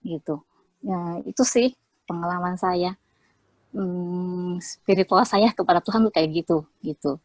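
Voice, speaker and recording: A woman's voice: medium pitch, no echo. A young woman speaks in a heartfelt, chatty way, full of small fillers as she tells her story. The sound is dry and close, with no room around it. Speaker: interviewee sharing a faith testimony. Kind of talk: casual testimony.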